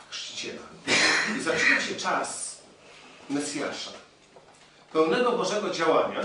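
Lively preaching man in echoey hall. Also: on the high side, slight background noise. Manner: animated storytelling, addressing the congregation. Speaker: pastor. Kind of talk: sermon. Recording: echoey hall, distant mic.

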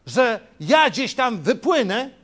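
A middle-aged male pastor preaches with a high-pitched, animated voice that climbs and drops with emphasis. He drives each point home and keeps checking in with his listeners through short rhetorical questions. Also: slow. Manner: emphatic, asks the congregation "tak?" and "wiecie?". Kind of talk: sermon.

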